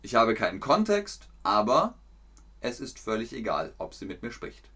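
A man teaching German vocabulary on a livestream, repeating words slowly and clearly, chatting with viewers and laughing often. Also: fairly low pitch, very animated, a bit bright. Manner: slow, clear, repetitive teaching with frequent laughs; chats with viewers. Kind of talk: livestream language lesson.

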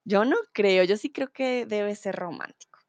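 A young adult woman teaching a live online Spanish lesson, reading out chat comments, explaining words slowly and clearly and laughing easily. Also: mid-range voice, dry recording.

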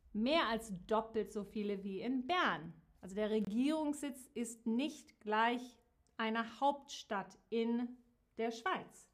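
Slow, repeating woman teacher. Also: fairly high pitch. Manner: slow, repeats key words, warm direct address to viewers. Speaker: teacher hosting a live geography lesson. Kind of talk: slow, clearly articulated live-stream lesson.

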